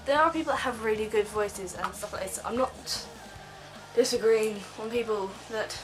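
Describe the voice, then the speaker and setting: A woman's voice: a little high, normal speed, over music, rough recording. A teenage girl ranting casually in a vlog from her bed, rambling with lots of ums. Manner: rambling, filler-heavy, frequent ums. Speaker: vlogger.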